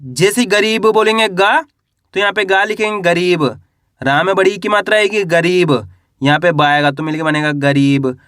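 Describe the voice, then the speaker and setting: A man teaching reading and writing, slowly sounding out syllables and asking his listeners questions. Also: high voice, fairly even intonation, fairly bright tone, no room sound, studio quality. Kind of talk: Hindi reading and writing lesson.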